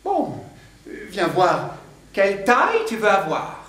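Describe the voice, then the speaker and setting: A woman's voice: mid-range voice, huge pitch swings, measured pace, background noise. A woman voicing a cheeky female caterpillar with a boyish voice, slangy and teasing. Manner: slangy, teasing, giggly, repeats words. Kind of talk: stage play acting. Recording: very echoey hall.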